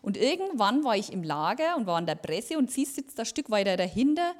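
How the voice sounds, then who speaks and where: Woman, lay speaker, lively testimony with acted-out dialogue, slightly high voice. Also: brisk. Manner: lively storytelling, acting out dialogue. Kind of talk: personal testimony in a church service. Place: church service.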